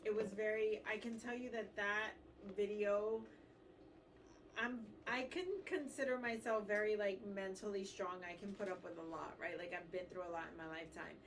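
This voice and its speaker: A woman's voice: mid-range voice, fairly even intonation, moderate pace, far from the mic. A woman co-hosting a casual radio talk show, speaking frankly and earnestly. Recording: off-mic with clear background noise.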